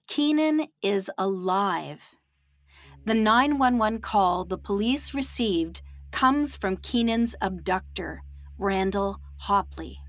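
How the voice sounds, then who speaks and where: A woman reporter giving scripted documentary narration in a measured, deliberate delivery. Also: medium pitch, expressive.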